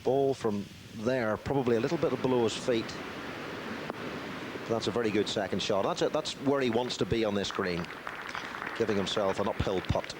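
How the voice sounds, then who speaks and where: A man giving measured live television golf commentary, with dry, wry asides. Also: on the low side, noisy background.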